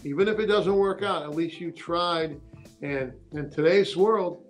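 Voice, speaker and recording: A man with a slightly high voice gives blunt, emphatic advice as an interview guest. He speaks plainly and with force. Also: unhurried, faint music behind.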